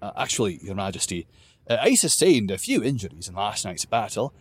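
A gruff, battle-worn dwarf general who grumbles his words out bluntly and sounds in a grumpy mood, as a male narrator puts him on. His voice sits a bit higher and louder than the narration, husky around the edges. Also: very animated, brisk, dry recording. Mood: grudging.

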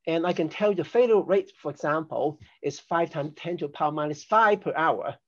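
A man's voice: a little high, a little fast, lo-fi sound. An older man from Hong Kong, a podcast guest, explaining risk assessment in a chatty, self-deprecating way. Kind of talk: conversational interview.

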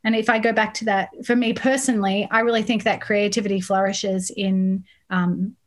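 A woman in her thirties chats about her craft in a relaxed interview. She laughs often and slips into lively, animated voices when quoting herself. Her pitch and tone sit right in the middle for a woman. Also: normal speed. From Australia. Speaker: songwriter guest. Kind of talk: casual interview chat.

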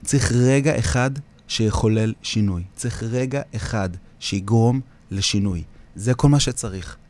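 Speaking with an Israeli Hebrew accent, the founder of a community singing project reflects earnestly in an interview, driving points home through repetition. His voice sits on the low side with a darkish tone.

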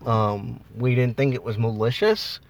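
A man's voice: mid-range voice, fairly even intonation, measured pace. A man casually telling ghost-hunting stories, rambling with many ums and likes, recorded in a parked car. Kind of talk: casual ghost story chat.

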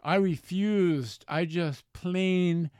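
A man's voice: high voice, drawn-out words, a little mellow, clean tone, dry recording, studio quality. A man in his seventies chatting as an interview guest, telling stories in the blunt, folksy, plain-spoken way of an old sailor. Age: 70s. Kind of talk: casual chat, storytelling.

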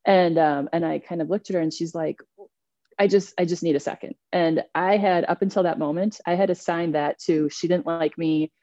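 A middle-aged woman, an interview guest, reflecting candidly on her working life in an animated way, acting out quoted asides. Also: fairly low pitch, moderate pace, hardly any pauses, no room sound. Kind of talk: candid conversational storytelling. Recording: dull lo-fi dry sound.

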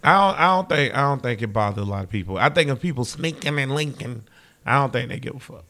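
A man's voice: medium pitch, fast, pushed and bright. A man hosting a casual chat, teasing and laughing as he talks in loose slang.

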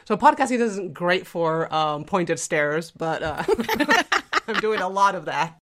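A woman's voice: fairly low pitch, very animated, takes it slowly, fairly bright tone. A woman in her forties, from Spain, chatting casually on a podcast in a rambling, self-interrupting way. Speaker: podcast co-host. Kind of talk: casual conversational chat.

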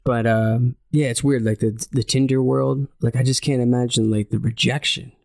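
Late-30s male comedian guest, gravelly voice, loose rambling chat full of fillers. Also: medium pitch, little pitch movement, moderate pace, darkish tone. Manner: rambling, heavy on "like" and "you know". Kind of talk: casual chat.

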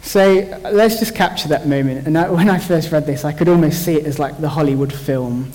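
A man's voice: a little high, fairly quick, darkish tone. Chatty man, echoing hall. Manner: chatty, jokey, thinks aloud with restarts. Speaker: church speaker. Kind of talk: informal Bible talk. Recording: long hall reverb.

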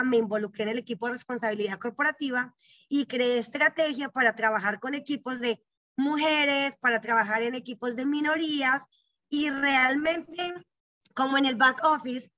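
A middle-aged woman, a psychologist and bank executive, recounts her life story as an interview guest, earnest and reflective, often checking in with short tag questions. Her high voice is bright and crisp, at normal speed. The recording is dry, slightly dull and lo-fi, with no room sound.

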